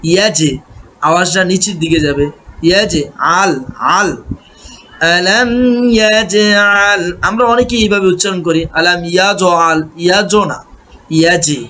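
A man teaching Quran recitation, chanting verses melodically and then explaining pronunciation in quick speech. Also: high-pitched, pushed and bright, slight background noise. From Bangladesh.

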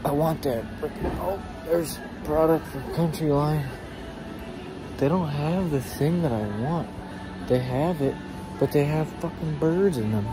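A man's voice: a little high, measured pace, over music, low-quality recording. A young man talking casually to his vlog audience, thinking aloud in slangy speech with light swearing. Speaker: vlogger. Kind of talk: casual vlog talk to camera. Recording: clear background noise, handheld vlog recording.

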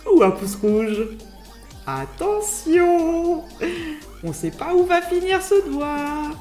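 A woman YouTuber giving casual, excitable reaction commentary, swearing and laughing often. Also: very high voice, takes it slowly, reverberant, soft background music. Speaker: YouTuber host.

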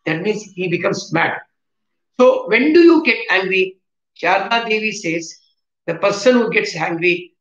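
High-voiced teacher in echoey room. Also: male voice, fairly bright tone. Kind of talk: classroom lesson on vocabulary. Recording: echoey room, dull lo-fi sound.

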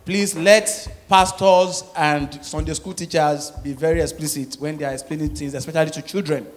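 Animated Nigerian stand-up comedian, high voice. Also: male voice, moderate pace. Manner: animated storytelling, switching into Nigerian Pidgin and acted child voices. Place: live comedy stage with audience.

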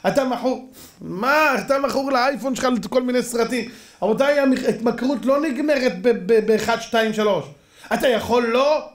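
High-voiced, gravelly male rabbi, emphatic preacher, echoey hall. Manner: emphatic, rhetorical questions, acts out stories. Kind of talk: sermon.

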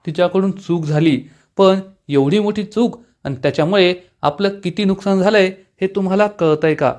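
A man reading the lines of a sharp-tongued woman of the household in a TV serial recap. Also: sits high, moderate pace, lightly acted. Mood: scornful. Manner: scornful.

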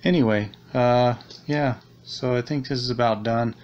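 Speaking at normal speed in a mid-range voice, a man who repairs radios as a hobby walks viewers through a fix in an unscripted video. His delivery is hesitant and rambling as he thinks aloud at a desk in a small indoor room. The handheld camera recording is muffled, with constant background noise.

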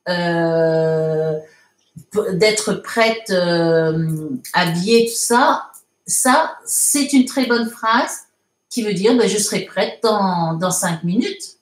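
An English teacher with a fairly low voice holds a live online lesson in an echoey space. Slow and patient, she goes through viewer comments and corrects each one step by step, often using filler words.

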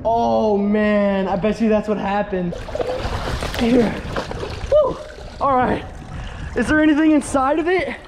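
An excitable young man hosting an outdoor vlog, laughing and joking as he films himself with an action camera beside a busy road. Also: high-pitched, takes it slowly, long pauses. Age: young adult. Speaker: host. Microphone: action camera, chest mount or held at arm's length. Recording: outdoor camera audio with traffic noise. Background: traffic and outdoor noise.

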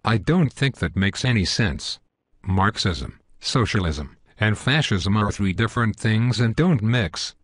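A man's voice: fairly low pitch, animated, unhurried, fairly bright tone, no echo, clean studio sound. A synthetic male voice playing a hesitant, reasonable guest in a scripted satirical cartoon interview, speaking earnestly and stiffly. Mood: earnest, defensive.

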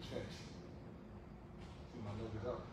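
A man coaching judo in a large gym, calling short commands and repeating cues. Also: unhurried. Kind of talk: hands-on coaching. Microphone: camera on the floor. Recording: echoey gym with background noise.

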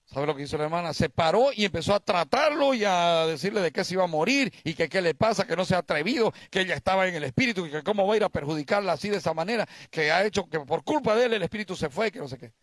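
A man's voice: sits high, expressive, fast, hardly any pauses, dry recording. A male pastor preaching a sermon, asking the congregation questions and telling them stories.

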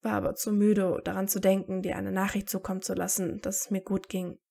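A woman's voice: medium pitch, little pitch movement, fairly quick, vocal fry, dark tone. A woman reading aloud and voicing a tired teenage boy wizard who talks dryly and sarcastically. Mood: wry, tired. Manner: dry and sarcastic.

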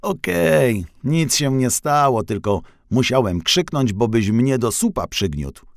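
A man voicing a busy male street-sweeping cart in a children's audio story, talking in a brisk, blunt but kindly way. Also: medium pitch, big pitch swings, creaky, no room sound, clean studio sound, voice pushed up. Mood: friendly.

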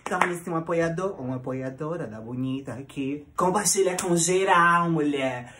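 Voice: medium pitch, normal speed, pushed and bright, a little hiss or hum, natural voice. A performer playing a vain, theatrical woman vlogger in a comic sketch, fussing and chatting straight to the viewers. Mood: chatty. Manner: theatrical, fussy, talks to viewers as babies. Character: vain dramatic woman vlogger waxing her nose.

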